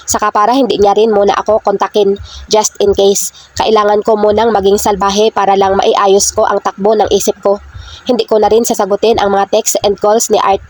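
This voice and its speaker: A woman narrating a first-person romance novel as a reader, reading in a flat, steady way. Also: medium pitch, normal speed. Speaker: audiobook reader. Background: faint background music.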